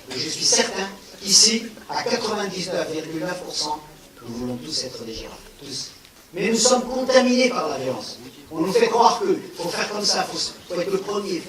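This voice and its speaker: A man giving a public talk on non-violence, animated, with rhetorical questions and emphatic repetition, answering an audience's questions. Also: high-pitched, recorded from a distance. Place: large hall with an audience. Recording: echoey hall, speaker away from the mic.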